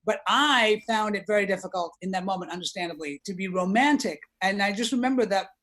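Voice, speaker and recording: Man, panelist, lively storytelling, acts out quotes, video call. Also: high voice, a little fast. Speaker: panelist actor. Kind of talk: casual anecdote.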